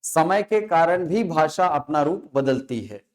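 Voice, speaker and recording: A man teaching a classroom lecture. He asks questions, answers them himself, and repeats key words slowly to stress them. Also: a little high, expressive.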